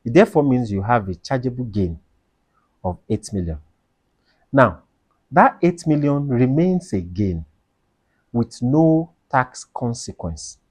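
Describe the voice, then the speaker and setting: A man's voice: mid-range voice, sing-song, unhurried, long pauses, a little mellow, husky, no echo. A man explaining tax law in a video lesson, asking questions and answering them emphatically, repeating his key points. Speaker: tax educator.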